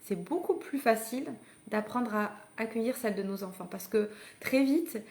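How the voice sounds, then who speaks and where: Her voice is fairly high, animated and darkish, moving at a normal speed. She's a parenting coach leading a live online masterclass, addressing listeners directly with encouragement and urging them to act, though she hesitates and starts over often.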